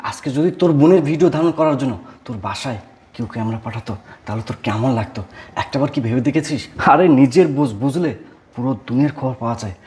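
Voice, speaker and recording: An actor playing a husband and protective brother who scolds and lectures at length. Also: male voice, mid-range voice, close to an everyday voice.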